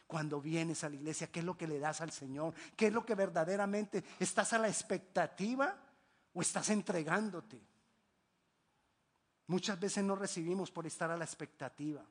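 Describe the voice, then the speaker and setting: A man preaching a sermon as pastor, with emphatic exclamations, hushed low drops and repeated rhetorical questions. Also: normal speed.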